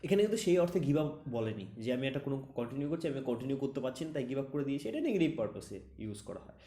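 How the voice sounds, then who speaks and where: A man's voice: medium pitch, lively intonation, rapid-fire, dark tone. A man teaching exam-prep vocabulary, explaining with many examples and often asking if students have understood. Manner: asks "understood?" after each point.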